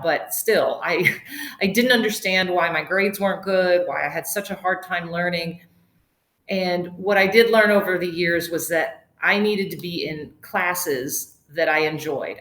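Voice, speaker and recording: A woman's voice: fairly low pitch, fairly bright tone. Chatty middle-aged woman, roomy echo. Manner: chatty, digressive, laughs often. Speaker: yoga instructor and webinar host. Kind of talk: casual webinar talk.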